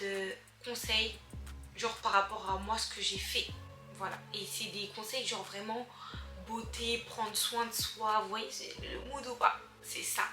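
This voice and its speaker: A woman's voice: mid-range voice, echoey room. A young woman giving casual beauty advice in a chatty vlog, full of fillers and talking straight to her viewers. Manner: chatty, filler-heavy, addresses viewers as girls. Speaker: beauty vlogger.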